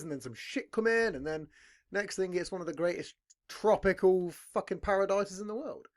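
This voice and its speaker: A young British man chats on his podcast, rambling and swearing freely with an animated, sing-song delivery. His voice sits a little high for a man. He talks into a headset mic in a dim room at home. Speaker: podcast host. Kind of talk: casual chat.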